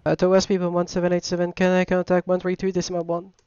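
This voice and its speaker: A man's voice: high voice, monotone, fast talker, a little mellow, smooth, no room sound, dull audio. A man with a French accent, French his first language, making hesitant English radio calls and cockpit callouts over a pilot headset as a flight simulator pilot.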